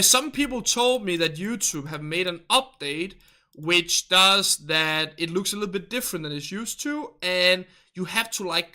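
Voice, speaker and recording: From northern Denmark, a man with a Danish accent hosts a relaxed game livestream, reading viewer chat and talking loosely with his audience. He rambles chattily, often hunts for the right English word, and laughs a lot, his slightly high voice carrying a sharp, bright edge.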